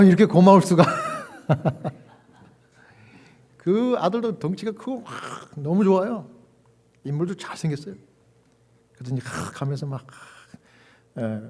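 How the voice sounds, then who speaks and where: Animated Korean pastor man telling a story. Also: fairly high pitch. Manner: animated storytelling with laughs and quoted dialogue. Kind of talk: sermon storytelling.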